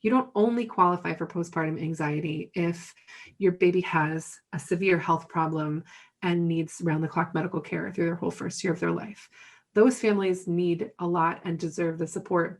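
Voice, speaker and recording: A woman in her thirties telling her own parenting story candidly, animated and often laughing. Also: lowish voice. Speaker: podcast guest.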